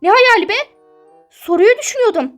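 A woman's voice: extremely high pitch, lively intonation, fairly quick, fairly bright tone, faint music behind. A woman voicing a dreamy, defensive teenage girl in a toy-game role-play, whiny and protesting.

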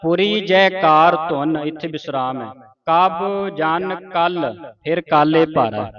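Male recitation teacher, slow and careful, slightly raised pitch, dull audio with a group repeating in the back. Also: a crowd in the background. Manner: slow, syllable-by-syllable recitation with pronunciation corrections. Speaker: gurbani teacher. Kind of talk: santhya recitation lesson. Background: a group of students repeating the words.

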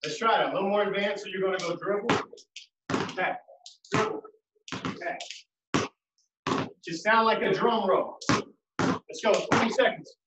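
Counting reps and calling cues with encouragement, a man leads basketball dribbling drills for a home workout. He speaks high-pitched at a measured pace and pauses often, while the echoey room, far-off mic and loud noise color the recording.

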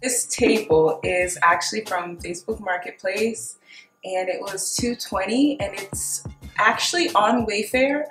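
A woman's voice: mid-range voice, unhurried, fairly bright tone. A young woman vlogger chatting casually to camera in a gushing, enthusiastic way, as in a home makeover reveal. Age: young adult. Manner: gushing, enthusiastic about finds. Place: small dining room at home, indoors. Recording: roomy echo, faint music behind.

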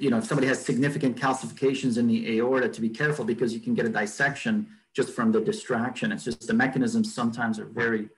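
A man's voice: mid-range voice, rough recording. Hesitant man moderating a virtual session. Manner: casual, hesitant, repeats words. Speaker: conference moderator. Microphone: video call microphone.

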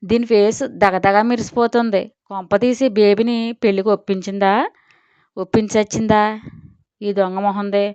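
A woman narrator puts on a vain, blustering father who grumbles about his household and scolds everyone around him. The voice stays smooth and fairly high, with a dull lo-fi sound. He is a figure in an audio story. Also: little pitch movement, normal speed, darkish tone, dry recording, lightly acted. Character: blustering middle-aged rich father, vain.

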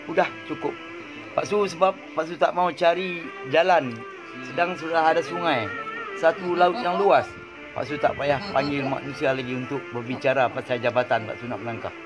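A man in his eighties from Kedah with a Malaysian Malay accent, reflecting on faith in a halting, rambling way, recorded on a phone in a small room. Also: on the high side, steady tone, highs cut off, over music. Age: 80s. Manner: halting, rambling, sprinkles Arabic phrases. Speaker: interviewee. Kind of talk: religious reflection. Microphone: phone held close.

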